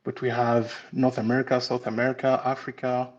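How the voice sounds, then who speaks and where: A man's voice: medium pitch, little pitch movement, a little fast, lo-fi sound. A man in his forties from France with a French accent, hosting a casual live webinar on pastry-making and often restarting his sentences. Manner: chatty, warm-hearted, with frequent restarts and "um"s. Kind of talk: casual live-stream teaching. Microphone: computer mic on a live stream.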